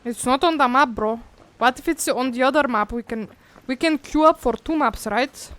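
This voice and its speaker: High-voiced woman streamer, casual swearing. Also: normal speed, fairly bright tone. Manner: swearing, playful, bursts of laughter and screams. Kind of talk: casual gaming chat.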